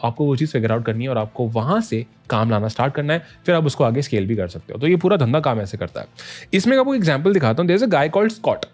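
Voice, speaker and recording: An online business educator with a medium-pitched, slightly mellow voice explains things in a casual, conversational way. He mixes English phrases into his talk and keeps checking in with listeners, often asking "thik hai?"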